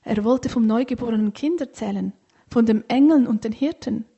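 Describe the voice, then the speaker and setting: Woman, children's story reader, gentle, fairly high, breathy. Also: moderate pace, highs cut off.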